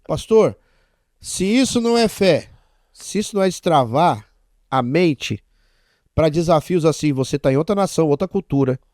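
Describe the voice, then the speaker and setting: A man's voice: a little high, warm tone, no echo, clean studio sound. A Brazilian man, a guest apostle, telling a testimony animatedly and acting out the dialogue. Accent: Brazilian Portuguese. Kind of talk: testimony storytelling.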